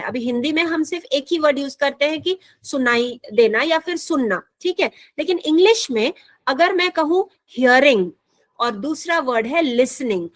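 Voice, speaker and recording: Woman teacher from India, high voice, patient, repeats herself, slow careful English with an Indian accent, dry close sound. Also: dry recording. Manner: patient, repeats and rephrases often; slows down sharply to read English lines. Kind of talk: explaining a school English lesson in Hindi.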